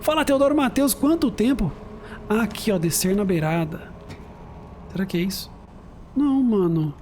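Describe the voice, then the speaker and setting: Streaming a video game from home, this man tells stories in casual let's-play commentary, using slang and laughing often. His high voice is animated and darkish in tone, at a moderate pace, with a little hiss or hum in the recording.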